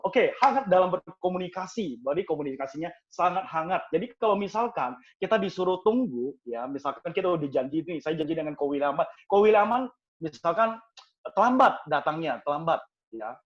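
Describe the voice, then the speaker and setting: Guy running a sales training for insurance agents, peppy, kinda high voice, sound a bit dull and muffled. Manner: lively, keeps addressing listeners as friends; repeats words for emphasis. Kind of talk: online sales training talk.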